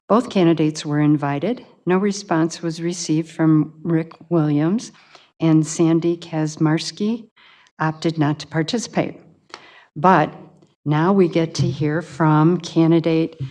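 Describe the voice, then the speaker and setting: A woman moderating a candidate forum, reading formal announcements in a measured, procedural way. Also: low voice, dark tone.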